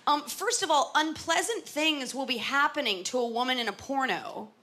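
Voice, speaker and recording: A woman's voice: high voice, lively intonation, normal speed. A young woman doing a stand-up comedy set, chatty and self-mocking, acting out bits in put-on voices. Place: comedy club stage. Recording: live club with loud crowd laughter. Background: audience laughing.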